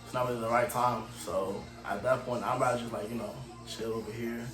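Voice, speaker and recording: A man's voice: mid-range voice, little pitch movement, fairly quick. A man in his twenties from Cameroon, raised in Maryland, talking as a guest singer in a casual, slangy way. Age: 20s. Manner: laid-back, slangy, often trails off softly. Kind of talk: casual interview chat. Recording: roomy echo, faint music.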